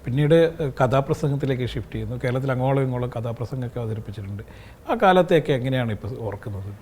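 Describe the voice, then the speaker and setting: A male interviewer talks briskly, packing background into each question before handing it over. His pitch sits at an ordinary middle. A faint low rumble runs underneath. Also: a little mellow. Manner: adds context before asking, short murmured backchannels. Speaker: interviewer, host.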